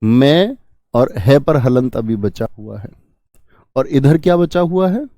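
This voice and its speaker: A man's voice: mid-range voice, expressive, slow pace, mellow, no echo, studio quality. A male teacher giving an online grammar lesson, asking questions and answering them himself, repeating key words.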